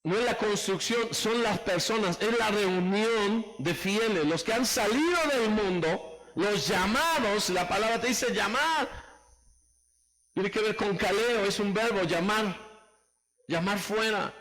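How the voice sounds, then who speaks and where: A pastor preaching an emphatic sermon, calling on the congregation to raise hands and repeat phrases after him. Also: male voice, high-pitched, a little slow, fairly bright tone, poor audio.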